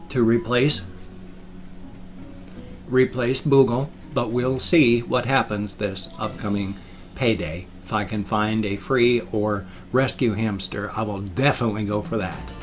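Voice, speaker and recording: A man chatting casually and ramblingly to a webcam at home, slightly slurring his words around loose, ill-fitting dentures. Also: lowish voice. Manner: rambling, repeats and rephrases himself. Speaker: vlogger showing pet hamsters. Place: indoors, a room at home. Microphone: webcam setup.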